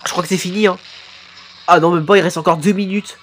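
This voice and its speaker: A man commenting live on videos his subscribers made, excitable and quick to exclaim and swear. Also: sits high, soft background music. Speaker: YouTuber reacting to fan animations.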